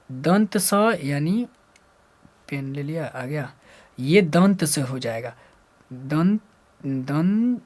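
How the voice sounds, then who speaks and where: A man teaching Hindi grammar to school students, repeating letter sounds aloud and asking and then answering his own questions. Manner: jumps between loud drilled syllables and low muttering. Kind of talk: explaining lesson to students.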